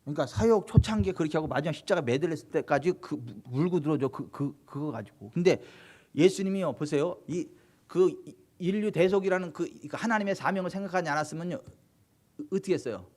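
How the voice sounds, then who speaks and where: A male pastor preaching a sermon, emphatic and full of rhetorical questions, swinging between loud exhortation and hushed low passages. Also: expressive, fairly quick. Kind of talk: Korean sermon at a Friday late-night service.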